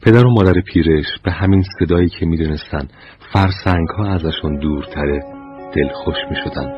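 A man giving scripted narration of short anecdotes, measured and slow, his line endings trailing off softly. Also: low-pitched, dull audio, over music.

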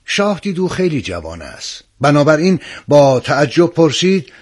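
A man hosting a radio program, reading old tales and anecdotes in a measured, expressive scripted narration. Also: a little high, breathy edge. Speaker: radio storyteller host.

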